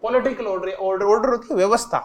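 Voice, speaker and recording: This political science teacher has a high voice and talks fast. In his exam-prep lecture he fires questions at the class and supplies the answers, repeating key terms with easy examples.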